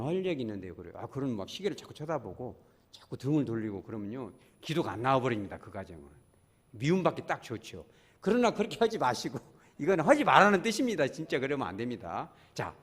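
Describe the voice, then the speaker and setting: A man preaching a Sunday sermon as pastor, acting out prayers and little scenes and calling the congregation to join in. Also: mid-range voice. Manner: animated preaching with acted-out quotes and congregation prompts. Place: church sanctuary.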